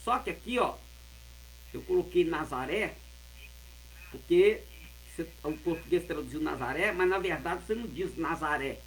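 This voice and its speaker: A man teaching a lesson, explaining and repeating words slowly and carefully. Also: fairly high pitch, lively intonation, fairly bright tone, slight background noise, poor audio. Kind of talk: explaining Hebrew words of a Bible verse.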